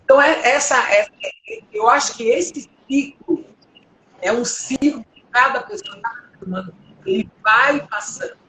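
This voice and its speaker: A Brazilian woman with a deep, strong, powerful voice gives testimony and preaches from home, speaking a little slowly with a sharp tone. She earnestly and emotionally exhorts her listeners, in an echoey room with a faint background hum.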